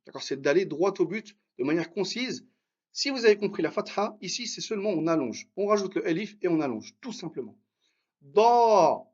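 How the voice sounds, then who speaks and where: A man's voice: sits high, lo-fi sound. A man teaching Arabic reading in a live online lesson, patiently sounding out syllables and praising his students by name.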